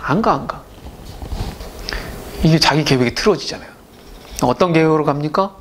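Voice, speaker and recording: A man's voice: a little high, normal speed, slight background noise. A male pastor retelling a Bible story in a casual, chatty sermon, acting out the characters' lines as he goes. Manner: lively, acts out characters' lines.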